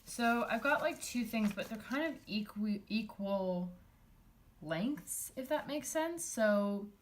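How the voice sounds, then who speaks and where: A woman's voice: on the high side, animated, takes it slowly. A young woman talking casually as she decorates a planner, thinking aloud and rambling with many likes and ums. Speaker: planner vlogger.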